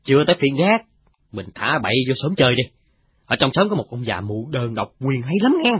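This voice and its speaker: A man with a Southern Vietnamese accent voicing a coarse, gossiping rank-and-file soldier who talks roughly and swings between loud and soft. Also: medium pitch, very animated, brisk, no echo. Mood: grumbling. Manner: rough, chatty storytelling with swings in loudness. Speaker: voice actor in an audio drama. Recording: dull, dry lo-fi recording.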